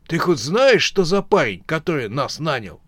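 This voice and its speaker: A man doing a cranky old bandit, strained and high. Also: big pitch swings, moderate pace, no room sound. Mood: greedy, quarrelsome. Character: elderly male bandit, greedy and quarrelsome.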